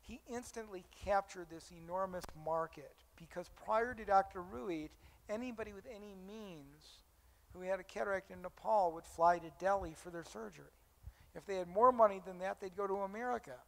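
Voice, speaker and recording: Man, middle-aged, surgeon giving a lecture, high-pitched, storytelling with fillers, echoing lecture hall. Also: moderate pace, creaky. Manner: storytelling with frequent ums and uhs. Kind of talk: conference lecture with anecdotes.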